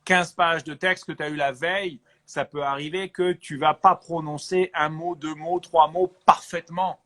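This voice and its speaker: A man from France, an actor, chatting as an interview guest and giving lively advice. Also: fairly high pitch, moderate pace. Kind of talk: casual interview chat.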